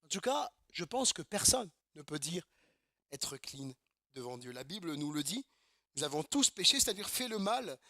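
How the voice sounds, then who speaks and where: A Normandy-born pastor gives a sermon at a church service, his very high voice ringing bright and forceful. He leans on emphasis, repeated phrases and rhetorical questions. The sound is close-miked and dry, nearly free of room echo.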